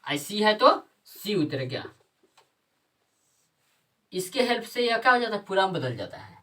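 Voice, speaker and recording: A woman's voice: mid-range voice, big pitch swings, a little slow, fairly bright tone. A woman teacher explaining a lesson step by step, asking questions and answering them herself. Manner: asks and answers her own questions, repeats each step. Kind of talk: classroom lesson. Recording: voice heard from a distance.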